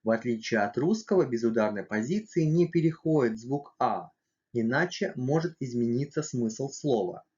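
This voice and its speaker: A man's voice: mid-range voice, lively intonation, normal speed, a little mellow, highs cut off. A man narrating a scripted language lesson, carefully spelling out letters and sounds one at a time. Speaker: language teacher.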